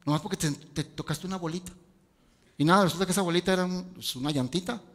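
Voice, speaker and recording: Pastor guy preaching, high voice, big hall reverb. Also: quick pace. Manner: lively preaching with rhetorical questions and asides. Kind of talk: sermon.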